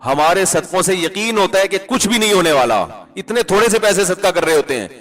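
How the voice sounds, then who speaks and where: A male Islamic scholar with a high-sitting voice gives a conversational sermon, lively and wry. He asks rhetorical questions and now and then chants Arabic verses.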